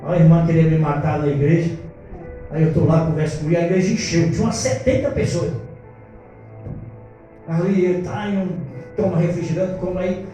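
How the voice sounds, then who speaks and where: A man, a pastor preaching an animated storytelling sermon to his congregation on a handheld microphone. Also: a little high, fairly quick, pauses often. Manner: animated, addresses congregation as brothers. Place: church hall. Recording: echoey church room from far off, faint music.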